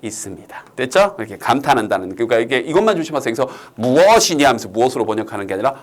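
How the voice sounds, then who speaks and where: A man teaching an English reading lesson online. He reads the English lines slowly, then explains them in a lively way, sometimes acting out a child's words. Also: medium pitch. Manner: animated, acts out lines in a childlike voice.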